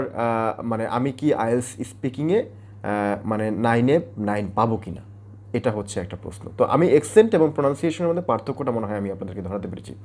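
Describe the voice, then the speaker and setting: A man's voice: mid-range voice, darkish tone. A man from Bangladesh, an IELTS tutor, explains step by step in a video lesson, with frequent hesitant fillers.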